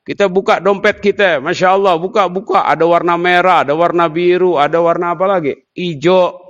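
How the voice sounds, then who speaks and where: Lively high-voiced male preacher, hall echo. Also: fairly quick, highs cut off. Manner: lively, teasing, jokes with the crowd. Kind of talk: sermon.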